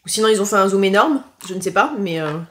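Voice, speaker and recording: A woman giving a casual taste-test review to camera, talking frankly and often pausing on filler sounds and restarts. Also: mid-range voice, lively intonation. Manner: chatty and frank, leaning on "franchement" and "concrètement"; hesitant, with frequent filler sounds and self-corrections. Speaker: food tasting vlogger.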